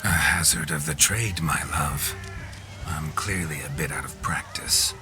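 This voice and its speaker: Game role, cocky, flirtatious monster hunter. Deep voice, theatrical swagger, music underneath. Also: male voice, unhurried. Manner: smug, theatrical, teasing. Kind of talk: video game voice acting. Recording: music behind the voice.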